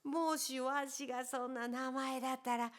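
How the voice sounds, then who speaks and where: A woman's voice: high voice, steady tone, moderate pace, lightly acted. Krato, a woman voicing a jovial old farmer. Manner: gruff, teasing, folksy. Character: jovial old male farmer, teasing and blunt. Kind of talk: audiobook character voice.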